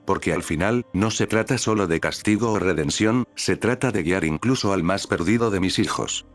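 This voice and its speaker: A man's voice: deep voice, normal speed, soft background music, close to an everyday voice. A man voicing a steadfast, protective fatherly man who speaks firmly and with passion. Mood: resolute. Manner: firm, impassioned, resolute.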